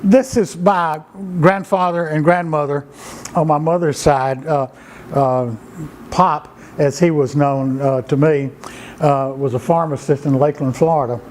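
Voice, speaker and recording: An older man tells folksy family stories at an easy pace. His voice sits a little high for a man, and he keeps stumbling over restarts and filler words. A faint background noise runs under the recording. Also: fairly even intonation, a little mellow, rough recording. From Georgia, USA. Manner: unhurried, halting with many "uh"s and restarts. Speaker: storyteller and writer. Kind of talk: folksy anecdotal storytelling.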